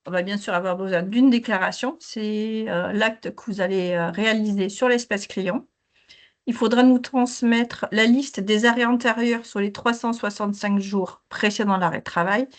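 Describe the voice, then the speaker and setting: During a training session held over video call, a claims team manager walks through procedures at a moderate pace. She sounds hoarse, speaking at medium pitch in a steady tone.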